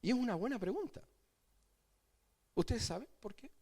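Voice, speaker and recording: A man preaches a sermon to his church. His voice sits high for a man, and he talks in an easy conversational way, often asking the congregation whether they understand. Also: lively intonation, moderate pace, creaky, darkish tone. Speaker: pastor.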